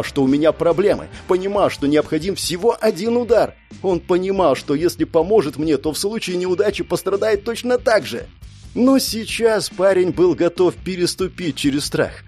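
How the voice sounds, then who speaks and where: A man's voice: on the high side, a little mellow, slightly rough. A man narrating first-person fiction in a dramatic audiobook style, intense and breaking into strained outbursts for the hero's inner thoughts.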